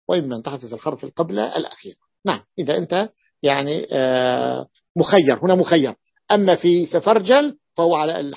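A man's voice: on the high side, vocal fry, husky, no echo. A man, a sheikh teaching a class, who explains patiently, repeats his examples and often checks whether students follow. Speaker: sheikh teaching Arabic morphology. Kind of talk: classroom lecture. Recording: dull lo-fi dry lecture recording.

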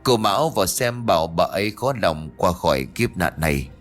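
Old village man in a ghost story, low, gruff and scolding, read by a male narrator. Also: lively intonation, normal speed, soft background music. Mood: weary. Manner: brusque, scolding, talks down to the young.

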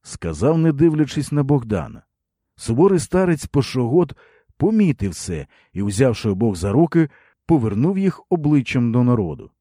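A man narrating a historical novel as an audiobook in an expressive, measured storytelling manner. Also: medium pitch, dry recording, clean studio sound.

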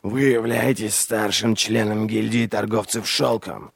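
A man voicing a stern crippled male inquisitor who questions prisoners slowly and coldly. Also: fairly low pitch, fairly even intonation, vocal fry, breathy edge, exaggerated voice. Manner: slow, cold, deliberate questioning.

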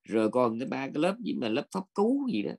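A man's voice: mid-range voice, big pitch swings, fast talker, gravelly, a little mellow, slightly rough. A male Buddhist monk from gives a blunt, scolding dharma talk and keeps asking his listeners whether they agree.

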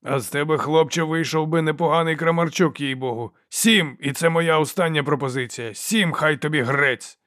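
A man reading an audiobook voices a coarse male slave guard who haggles and mocks in a loud, jeering way. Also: a little high, fast talker, hardly any pauses, dry recording, studio quality, voice pushed up, lightly acted. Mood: jeering, haggling.

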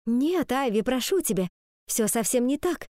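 A woman's voice: fairly high pitch, expressive, moderate pace, dark tone, no echo, clean studio sound, voice pushed up, lightly acted. A woman voicing a tearful pleading dance teacher.

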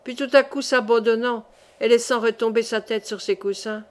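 A woman reading a classic novel aloud as an audiobook narrator, with steady, measured storytelling. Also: on the high side.

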